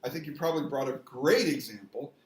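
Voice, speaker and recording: An emphatic man talks through religious values in a casual debate. He restates phrases to drive his point home. His voice sits at a middle pitch, and the room around him is noticeably echoey. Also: fast talker.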